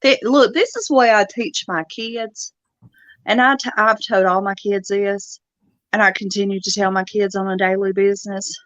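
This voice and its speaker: A woman's voice: mid-range voice, steady tone, moderate pace, a bit bright, no room sound. A woman hosting a casual live stream chat, chatty and laughing often, with homespun turns of phrase. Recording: dull lo-fi dry sound.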